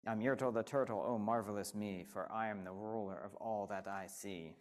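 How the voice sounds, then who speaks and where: A man's voice: on the low side, fairly even intonation, normal speed, pitched below the performer's own voice, natural voice. A man voicing a pompous, boastful turtle king who bellows his proud declarations in a storybook reading. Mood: gloating.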